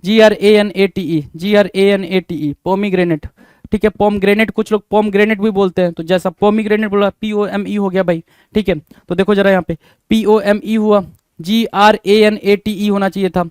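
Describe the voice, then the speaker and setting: A man with a high, smooth, clear voice leads an exam spelling lesson. He spells each word out letter by letter and keeps asking his students what the answer is. The sound is close and dry. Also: fairly even intonation, moderate pace, a little mellow, no room sound. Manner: spells words letter by letter, repeats questions to students. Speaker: teacher.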